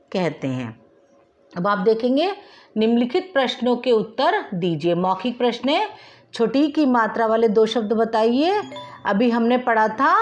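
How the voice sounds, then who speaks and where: A woman teacher giving a recorded primary school language lesson, dictating example words slowly and mixing in English words. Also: fairly high pitch. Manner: slow, deliberate dictation of example words and sentences; mixes English words into Hindi. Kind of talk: recorded online class lesson.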